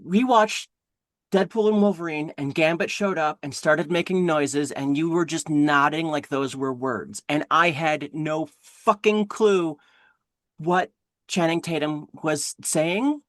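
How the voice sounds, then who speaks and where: A woman's voice: sits low, a little slow, dry recording, studio quality. A woman co-hosting a book podcast in casual chat, wry and blunt, swearing casually. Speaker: podcast co-host.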